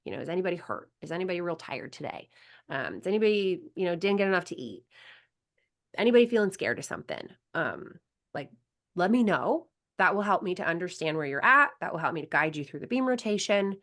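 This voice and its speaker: A woman in her thirties, a coach talking on a podcast in a lively, chatty way and acting out the voices of people she quotes. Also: lowish voice, fast talker. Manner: animated storyteller, acts out quoted voices. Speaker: sports psychology coach, podcast guest. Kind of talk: casual podcast conversation.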